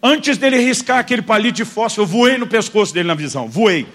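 A Brazilian man preaching, a pastor with a rather high voice. He tells his story animatedly to the congregation, acting out the lines of the people in it. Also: fast talker. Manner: animated storyteller, addresses listeners as "irmão", acts out quotes. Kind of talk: sermon storytelling.

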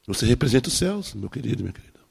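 A man's voice: medium pitch, sing-song, racing, gravelly, husky. A man, a pastor preaching a sermon and telling personal stories, acting out the dialogue. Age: 60s. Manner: storytelling, acting out dialogue with soft laughs.

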